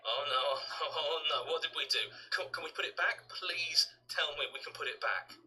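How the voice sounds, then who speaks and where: A man's voice: a little high, a little fast, bright, forceful tone, recorded from a distance, a little hiss or hum, low-quality recording. A man voicing an anxious, squeamish, pleading inner voice of a hero in a video game. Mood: distressed, pleading. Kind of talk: dramatic video game voice acting.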